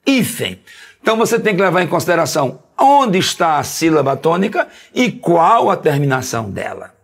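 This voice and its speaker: Husky Brazilian man teaching grammar. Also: on the high side, very animated. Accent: Brazilian Portuguese. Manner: didactic, keeps asking "tá certo?"; sing-song, stresses syllables slowly. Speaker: Portuguese teacher. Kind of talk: video grammar lesson.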